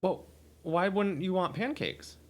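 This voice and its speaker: A man plays a puzzled player in improv comedy. His voice is a little higher than average. He stumbles over his words, repeats himself and keeps firing off questions. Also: animated, a little slow. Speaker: improviser acting as confused player.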